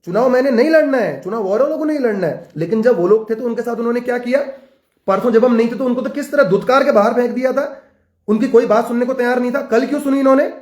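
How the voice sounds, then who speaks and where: A young man speaking at a rapid clip, his voice pitched high as he drives his points home. He talks like a student leader giving a fiery political address, hammering the same phrases again and again. The sound rings off the walls of an echoey room. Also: darkish tone. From Uttarakhand, India. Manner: fiery, repetitive rallying rhetoric. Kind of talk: impassioned political address to camera.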